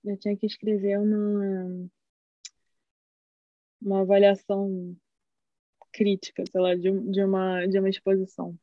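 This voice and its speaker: A woman, co-hosting a podcast and telling stories in an animated, rambling way. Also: mid-range voice, unhurried, pauses often, dry recording, highs cut off. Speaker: podcast co-host. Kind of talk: casual chat.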